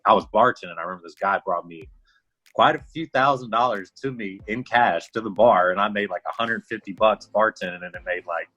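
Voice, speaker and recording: A man's voice: fairly low pitch, a little fast, bright, forceful tone, breathy edge, dull audio. A young man from Houston, Texas, a music producer guest talking casually in an interview, laid-back with lots of filler words. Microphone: livestream call.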